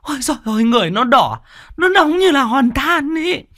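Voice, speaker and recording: A man voicing a panicked middle-aged village aunt in a high falsetto plea. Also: normal speed, pushed and bright, no room sound, studio quality. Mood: wailing. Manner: wailing, pleading, high falsetto.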